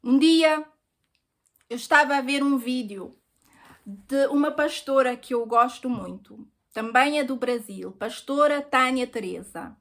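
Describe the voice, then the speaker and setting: High-voiced European Portuguese woman testifying. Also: unhurried, a bit bright. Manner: earnest, emotional storytelling. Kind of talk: personal testimony.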